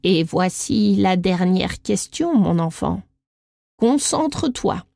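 A woman voicing an old, wise female priestess who speaks in slow, solemn riddles in a read-aloud storybook. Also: mid-range voice, animated, gravelly, dark tone, no room sound, studio quality.

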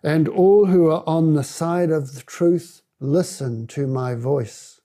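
A man voicing a calm, steadfast man on trial in a scripture reading. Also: on the high side, slow pace.

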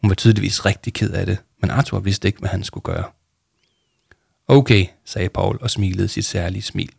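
Man reading a kids book out loud, low gravelly voice, dry close sound. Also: no echo. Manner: steady storytelling with small slips. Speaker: reader. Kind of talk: reading a children's book aloud.

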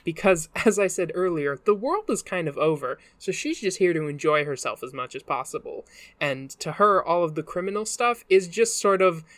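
A podcast co-host with a bright, crisp voice talks in a relaxed way. The sound is dry and close. They laugh easily and lean on "like" and "you know" while explaining. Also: mid-range voice, moderate pace, no room sound. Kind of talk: casual chat.

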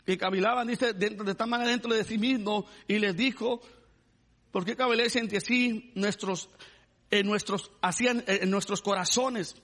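Young guy preaching, keeps saying brother, high husky voice. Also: fairly even intonation, normal speed, fairly bright tone. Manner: repeats "hermano" and asks the congregation to praise the Lord. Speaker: pastor. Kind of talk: sermon.

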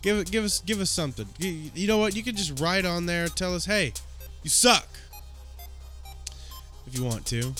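A man's voice: sits high, quick pace, few pauses, a bit bright, faint music behind. Laid-back man hosting a podcast. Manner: laid-back, jokey, sings snatches of songs. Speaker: podcast co-host. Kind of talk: casual late-night podcast chat.

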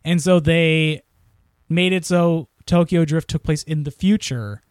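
A man's voice: a little high, fairly even intonation, measured pace, darkish tone, clear, resonant tone, no echo. Joking man in casual podcast chat. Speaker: podcast co-host.

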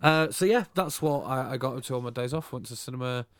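A man's voice: medium pitch, quick pace, fairly bright tone, no room sound. Easygoing man, dry close mic. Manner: rambling, easygoing, restarts his thoughts. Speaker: podcast co-host. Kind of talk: casual chat.

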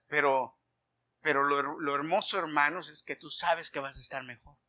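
A middle-aged man preaching a sermon, telling a personal story with animated delivery and repeatedly addressing the congregation as brothers. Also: a little high, normal speed. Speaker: pastor.

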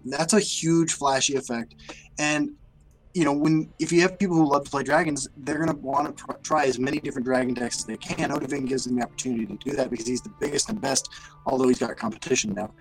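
Male podcast co-host, casual and self-deprecating, with a gravelly, fry-edged voice. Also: mid-range voice, faint music behind, poor audio. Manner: self-deprecating, laughs often, halting restarts.

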